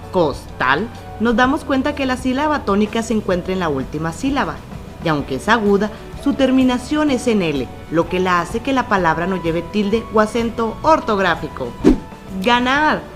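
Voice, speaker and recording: A woman narrating a scripted grammar lesson for children, drawing out example words slowly syllable by syllable. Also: mid-range voice. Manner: slow, stretched spelling-out of example words. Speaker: teacher.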